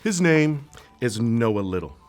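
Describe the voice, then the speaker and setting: A man's voice: mid-range voice, sing-song, clean tone, faint music behind. A man playing a pompous self-important show host. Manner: grandiose, over-deliberate, fussy about his name. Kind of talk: comedy skit acting.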